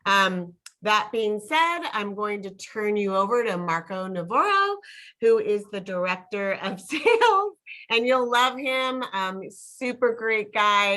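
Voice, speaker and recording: A woman's voice: mid-range voice, bright, forceful tone. A woman introducing a webinar class, friendly and rambling, with many fillers. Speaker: host and distributor.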